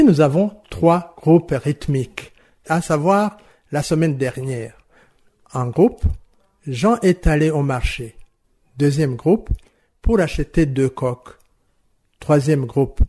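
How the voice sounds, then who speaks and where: A man explaining French rhythm and stress to teachers in a slow, measured, didactic way, answering interview questions. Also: fairly high pitch, mellow. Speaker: language teaching expert.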